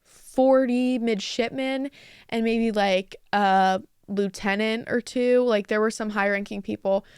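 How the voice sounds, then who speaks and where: Young woman podcaster rambling through a story, lots of "like", bit of vocal fry, smooth clear voice, dry close mic. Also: fairly high pitch, fairly even intonation, takes it slowly, darkish tone, no room sound. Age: young adult. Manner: chatty, lots of "like" fillers, quotes people in dialogue. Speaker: podcast host. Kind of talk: casual storytelling.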